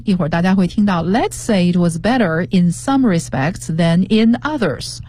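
A woman's voice: on the low side, dark tone. A woman guest teacher on a radio show, explaining English words and pronunciation with example sentences. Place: radio studio. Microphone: studio microphone.

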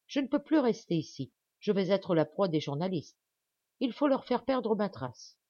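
A woman's voice: fairly low pitch, animated, moderate pace, darkish tone, no room sound, muffled recording. A woman voicing a proud, angry young woman aviator with a clipped, tense delivery. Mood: tense anger.

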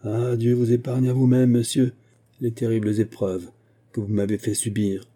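A man's voice: medium pitch, level tone, moderate pace, mellow, close to an everyday voice. A man playing a proud young accused woman. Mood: defiant.

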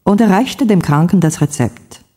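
A narrator reading a short story for a language course in a clear, deliberate way. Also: medium pitch, lively intonation, warm tone. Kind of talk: scripted textbook narration.

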